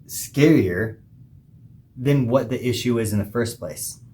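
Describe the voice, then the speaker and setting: A man hosting a podcast, giving an emphatic, preachy monologue with pauses between phrases. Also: mid-range voice, mellow. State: hiccuping. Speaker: podcast host. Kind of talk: opinionated monologue.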